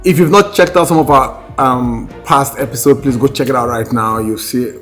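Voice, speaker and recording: A man's voice: mid-range voice, moderate pace, fairly bright tone, faint music behind. A man from Nigeria with a Nigerian accent, co-hosting a casual chat in a playful, enthusiastic way. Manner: enthusiastic, playful, laughs often. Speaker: podcast co-host.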